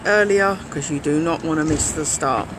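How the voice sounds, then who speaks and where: A man with a very high voice co-hosts a casual livestream from a London street, speaking at a moderate pace and emphatically urging viewers to share, repeating words as he goes. It's an outdoor phone stream, so street noise comes through loudly.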